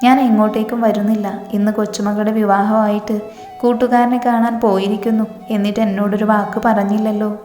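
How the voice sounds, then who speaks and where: A woman's voice: medium pitch, little pitch movement, fairly quick, mellow, natural voice. A woman reading as a sulky, devoted old grandmother. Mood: reproachful. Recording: echoey reverberant room, faint music.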